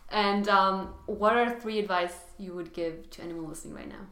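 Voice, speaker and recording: A woman's voice: mid-range voice, moderate pace, pushed and bright. A woman interviewing a guest, asking questions and offering short, encouraging reactions, recorded with a roomy echo.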